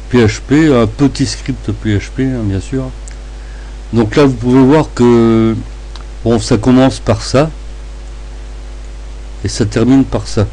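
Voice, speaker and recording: A man with a lisp that makes his s sounds slushy, narrating a step-by-step screencast tutorial in short, halting phrases. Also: mid-range voice, warm tone, low-quality recording. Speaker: tutorial presenter.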